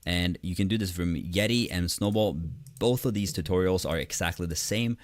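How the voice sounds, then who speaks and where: Deep, dry close-miked man teaching casually. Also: moderate pace, no echo. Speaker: online course instructor. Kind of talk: casual tutorial narration. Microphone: close USB desktop microphone.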